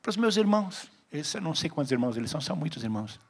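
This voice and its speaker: A male pastor with a Brazilian Portuguese accent preaching a sermon, swinging between loud emphatic lines and hushed ones. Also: fairly high pitch, very animated, very fast, vocal fry, breathy edge. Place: church service.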